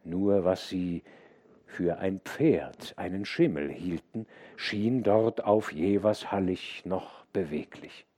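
A man reading a classic novella aloud as an audiobook narrator, slow, expressive and atmospheric. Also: low voice.

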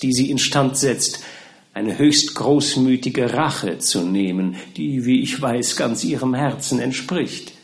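A man voicing a shrewd middle-aged male lawyer, measured and earnest as he coaxes his client. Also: medium pitch, darkish tone. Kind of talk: audiobook reading.

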